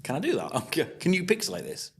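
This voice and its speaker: A man's voice: a little high, huge pitch swings, quick pace, gravelly, heavy background noise. A man competing in a workplace quiz, joking and boasting as he rambles through his answers. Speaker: quiz contestant. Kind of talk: playful competitive banter. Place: office studio.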